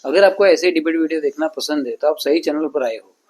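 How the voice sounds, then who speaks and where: Youtube channel guy doing the intro, a bit high voice, asks you to subscribe. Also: brisk, a little mellow. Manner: upbeat, asks viewers to subscribe. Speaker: channel host.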